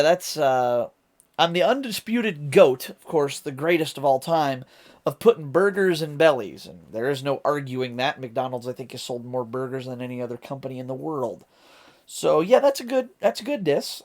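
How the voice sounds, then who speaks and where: A man's voice: mid-range voice, a little mellow. A man from Ohio with an American accent, hosting a reaction video and explaining lyrics in a casual, rambling way as he thinks aloud. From Ohio, United States.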